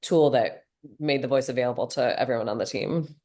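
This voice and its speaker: A woman's voice: rumbling low, fairly quick, mellow. A woman interviewing a guest in a casual conversation, asking long, inquisitive questions.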